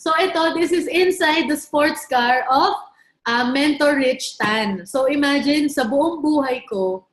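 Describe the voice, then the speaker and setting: A woman's voice: sits high, slow pace, roomy sound. A woman around thirty giving a chatty motivational talk about network marketing to a live audience, telling stories and asking the crowd questions. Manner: chatty storytelling, mixing in English, asks the crowd questions.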